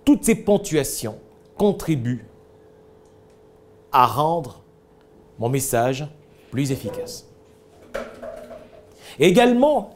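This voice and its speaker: A man teaching public speaking, emphatic and lively, acting out examples and asking the audience rhetorical questions. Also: high-pitched.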